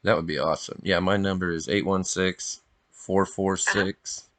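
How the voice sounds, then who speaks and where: Deep voiced guy rambling casually, earnest, dry close sound. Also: fairly even intonation, normal speed, a bit bright, no echo. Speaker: individual drone operator and video maker. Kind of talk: casual, informal talk.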